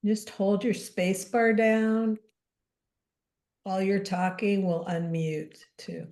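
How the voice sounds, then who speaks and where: Mellow-voiced woman facilitating a video call. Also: mid-range voice, flat delivery, slow. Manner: gentle prompting of participants. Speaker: class facilitator. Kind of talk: online class chat.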